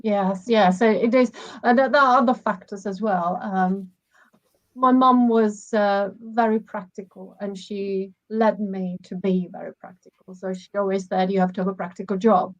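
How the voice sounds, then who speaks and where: A woman's voice: mid-range voice, steady tone, moderate pace, no room sound, lo-fi sound. A woman from the Republic, a guest photographer speaking in a reflective, hesitant way with many fillers. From Czech Republic. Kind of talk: casual interview.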